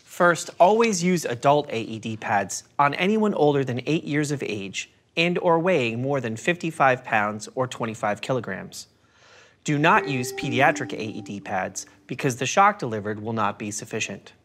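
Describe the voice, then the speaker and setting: Guy reading first aid steps, calm and clear, middle voice. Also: medium pitch, moderate pace. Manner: calm, step-by-step instructive. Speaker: instructional narrator. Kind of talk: scripted narration.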